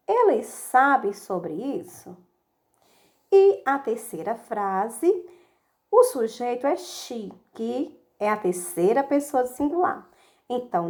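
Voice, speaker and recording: A woman with a fairly high voice teaching a recorded English lesson. She speaks slowly and deliberately, drawing out the English example sentences. She asks the class questions and then answers them herself. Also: darkish tone.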